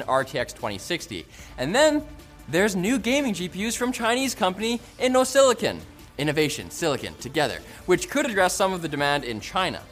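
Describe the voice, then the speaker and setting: A man hosting a tech news rundown, reading a script with jokey, sarcastic asides. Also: fairly high pitch. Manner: sarcastic, jokey, animated delivery.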